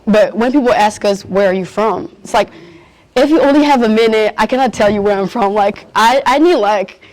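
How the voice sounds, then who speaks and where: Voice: medium pitch, normal speed, a little mellow, rough recording. A young adult, answering interview questions earnestly and searching for words. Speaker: youth interviewee at a community event.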